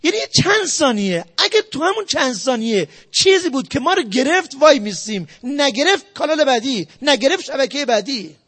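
A man giving a sales lecture, emphatic and repetitive, jumping between loud stresses and quiet asides. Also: very high-pitched, big pitch swings, hardly any pauses. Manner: emphatic, repetitive, talks straight to the audience. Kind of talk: motivational lecture.

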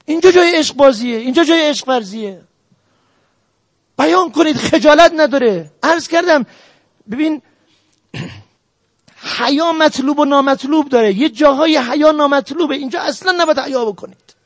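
Brief: male preacher with a very high voice, earnest and exhortative, dry close sound. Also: pauses often, no echo. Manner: earnest, exhorting the audience directly. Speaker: religious lecturer. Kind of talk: sermon on family ethics.

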